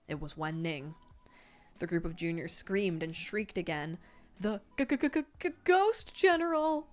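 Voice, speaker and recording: A woman reading a novel aloud on a stream, doing lively character voices and breaking off for chat asides. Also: fairly low pitch. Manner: lively character voices, frequent laughs and self-corrections.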